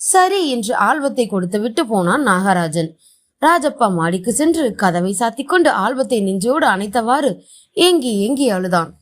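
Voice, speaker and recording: Woman storyteller, animated and high-pitched, expressive read-aloud, voiced dialogue. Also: normal speed. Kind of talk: reading translated short stories aloud.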